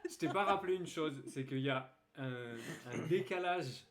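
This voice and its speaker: A man co-hosting a live stream, chatting and explaining in a relaxed way, often laughing as he talks. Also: on the high side, normal speed, a crowd in the background. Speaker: streamer co-host. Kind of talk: casual live stream chat. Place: bedroom studio. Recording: roomy bedroom echo.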